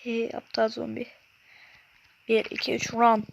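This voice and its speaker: A woman's voice: a little high, monotone, measured pace, creaky, a little hiss or hum. A young woman casually commenting on her own gameplay, chatty with frequent exasperated outbursts. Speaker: gaming YouTuber.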